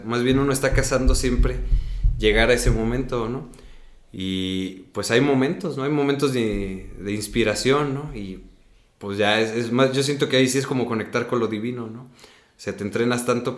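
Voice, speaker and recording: A man's voice: mid-range voice, normal speed. Young mexican guy telling stories, keeps saying "no?", roomy echo. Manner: animated storyteller, tags sentences with "¿no?". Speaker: actor telling his story. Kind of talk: casual conversational interview.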